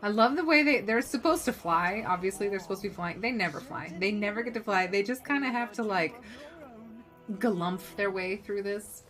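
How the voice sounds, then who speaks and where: During a casual gaming livestream, with music playing in the background, a woman thinks aloud as she plays, her delivery shifting from mutters to exclamations. Her voice is medium-pitched and fairly bright, at a moderate pace.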